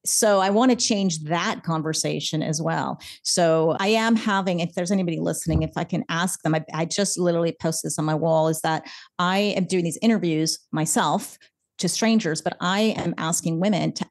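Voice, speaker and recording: A middle-aged woman guest chatting casually in an interview, telling stories with quick restarts and acted-out quotes. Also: lowish voice. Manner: animated storyteller acting out quoted voices, frequent restarts. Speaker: podcast guest.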